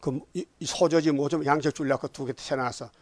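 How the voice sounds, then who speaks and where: A male pastor preaches a sermon, reading scripture aloud and driving his points home emphatically with rhetorical questions to the congregation. His voice is steady and on the high side, a little fast, with no room sound.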